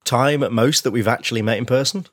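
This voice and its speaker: A man's voice: medium pitch, fast, fairly bright tone, no echo, studio quality. A man co-hosting a podcast in casual chat, sounding nasal and stuffed up with a cold. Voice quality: nasal, congested. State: ill with a cold. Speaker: podcast co-host.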